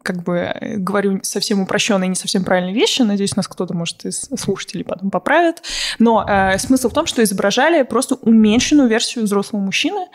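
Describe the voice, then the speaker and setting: Young woman explaining with many pauses. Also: mid-range voice. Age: 20s. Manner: explains at length, hesitant with many "uh" fillers, apologetic. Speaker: podcast guest. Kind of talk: casual podcast chat.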